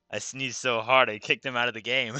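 A male streamer talking casually while gaming, excitable and swearing, who yells during fights. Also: mid-range voice, normal speed, clear, resonant tone, dry recording.

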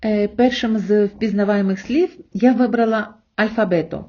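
A woman teaching a language lesson online, explaining patiently step by step and slowing down to sound out example words. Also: medium pitch, steady tone, muffled recording.

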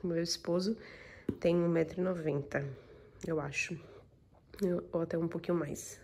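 A woman's voice: fairly low pitch, fairly even intonation, moderate pace, warm tone, slightly rough. A young woman, vlogging her day and showing viewers what she bought, talking into a phone held at arm's length. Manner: chatty, walks viewers through her day. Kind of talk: casual vlog narration. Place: shopping mall, then bedroom at home.

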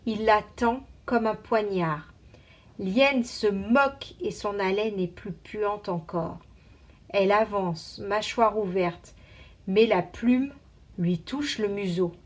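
A woman teacher reading a picture book aloud to young children in an expressive, carefully paced storytelling manner. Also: mid-range voice, slow pace.

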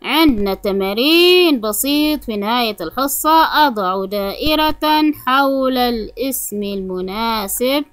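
A woman teaching a reading lesson for young children, sounding out syllables slowly and deliberately. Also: fairly high pitch, expressive, a bit bright. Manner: slow, drawn-out syllables for children to repeat. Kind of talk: early-grade reading lesson.

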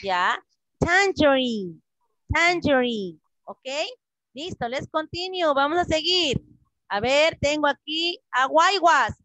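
A woman English teacher leading an online class for children, patiently repeating words slowly over a video call. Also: high voice, animated, pushed and bright, no echo, low-quality recording.

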